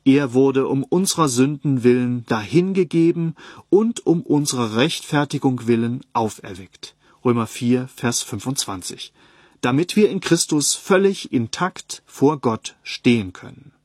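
Ein Mann, der ruhig und gemessen eine Predigt vorliest und dabei Bibelstellen angibt. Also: male voice, medium pitch, husky, dry recording, studio quality. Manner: calm, measured, citing verses. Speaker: Bible teacher. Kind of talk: read sermon on a Bible text.

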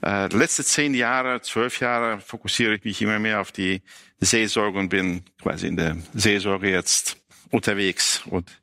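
Guy in his 60s, bright forceful voice, lots of uhs, church panel intro. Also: lowish voice, fairly even intonation, dry recording, clean studio sound. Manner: halting, many filler sounds. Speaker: panel guest, pastoral counselor. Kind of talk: casual panel talk.

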